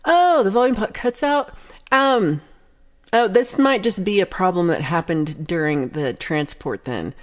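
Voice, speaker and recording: A young woman with a Texan accent hosts a casual livestream, reading viewer comments aloud and chatting in a rambling way. Her voice sits at medium pitch with lively intonation, and she takes her time.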